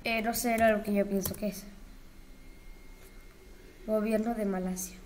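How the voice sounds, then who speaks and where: A young YouTuber chats casually, talking herself through editing block textures and letting out flustered exclamations. Her voice is mid-range and a little mellow, with fairly even intonation and a moderate pace. There is slight hiss or hum.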